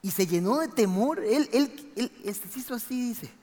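A man telling a personal testimony in an animated way, acting out the dialogue. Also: extremely high pitch, moderate pace. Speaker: speaker giving a testimony. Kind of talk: storytelling testimony. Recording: reverberant hall.

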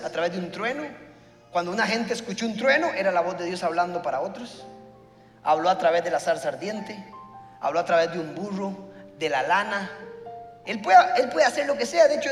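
A pastor preaching a sermon, telling a story and acting out the dialogue. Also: male voice, sits high, lively intonation, a little fast, reverberant, long reverb tail, faint music behind.

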